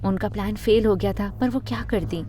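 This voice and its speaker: Mellow-voiced woman narrating a story. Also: mid-range voice, a little fast. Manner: steady, storytelling.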